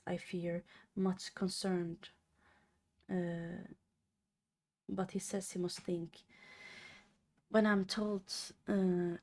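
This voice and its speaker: A young woman streamer reading a classic novel aloud on a live stream. She reads haltingly, stumbling over and restarting words. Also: fairly low pitch, gravelly, a little mellow.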